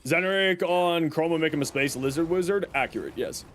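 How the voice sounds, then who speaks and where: A man giving casual live game commentary and answering chat in a tired, low-energy, flat voice that sounds worn out. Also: fairly quick. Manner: low-energy, sleepy, flat burned-out delivery. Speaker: game livestreamer. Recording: clear background noise from game audio. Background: video game sounds.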